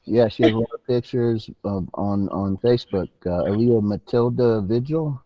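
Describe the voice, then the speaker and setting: A man co-hosting a podcast, chatting casually in a laid-back, halting way with many fillers. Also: lowish voice, muffled recording. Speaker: podcast co-host. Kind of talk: casual chat.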